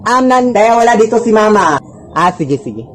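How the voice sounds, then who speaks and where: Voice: medium pitch, very animated, normal speed, slight background noise, lightly acted. A performer playing a whiny child in a comedy skit, pleading and making excuses in short replies. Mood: guilty.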